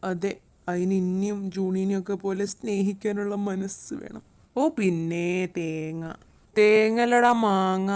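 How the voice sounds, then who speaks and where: A woman's voice: medium pitch, steady tone, measured pace, a little mellow, clean tone, natural voice. A young woman, voicing a teasing, playful young man in an amateur fan dub.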